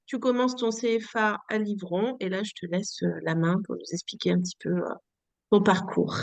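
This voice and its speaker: A woman's voice: mid-range voice, steady tone, moderate pace, no echo. A woman interviewing a guest, recapping her story back to her and prompting the next part. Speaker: interviewer for a women's business association. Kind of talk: conversational interview.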